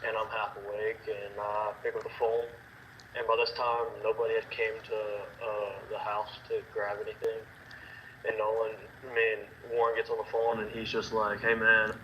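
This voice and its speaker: A man retells a night's events in a halting way, repeating himself and quoting others. His voice is low and flat. The clip sounds dull, with steady noise behind it. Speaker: person recounting events in a recorded interview. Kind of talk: recounted testimony.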